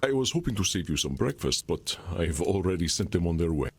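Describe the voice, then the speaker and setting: A courteous ancient vampire for a game, speaks in a formal, unhurried manner. His very deep voice has a gravelly edge and swings widely in pitch. Game music plays beneath. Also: sing-song, full character voice. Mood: composed. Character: ancient formal male vampire club host.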